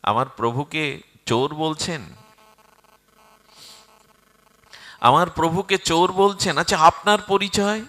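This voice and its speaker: A man's voice: a little high, unhurried, fairly bright tone. A man doing a proud, hot-tempered warrior prince. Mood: angry. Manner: indignant, boastful. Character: proud young male warrior prince, quick to anger.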